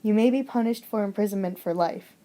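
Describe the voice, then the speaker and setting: A stiff, by-the-book police officer, as a young woman puts him on reads out charges in formal legal wording. The delivery sits low and stilted, reading word by word rather than acting, for a homemade story project. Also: a little fast, mellow, lightly acted.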